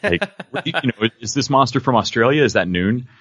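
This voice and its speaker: A man's voice: medium pitch, very animated, quick pace, a bit bright, slightly rough. A man co-hosting a casual podcast, chatty and repeating words as he thinks. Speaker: podcast co-host. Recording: dull, dry mic.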